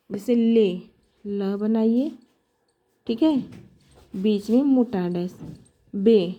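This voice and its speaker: A woman's voice: medium pitch, warm tone. A woman teaching a shorthand lesson, explaining step by step in a patient, repetitive way. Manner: slow, patient, repeats each letter aloud. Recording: dull lo-fi sound with faint noise.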